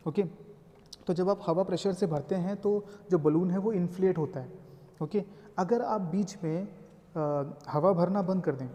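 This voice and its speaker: A man's voice: sits high, mellow. A male lecturer explaining step by step and checking in often with his students. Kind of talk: code-mixed classroom lecture. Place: classroom. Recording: reverberant room.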